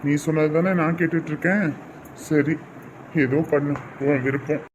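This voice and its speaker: A man's voice: a little high, steady tone, normal speed, a little hiss or hum, close to an everyday voice, low-quality recording. A young man playing a husband and son who grumbles and sounds exasperated.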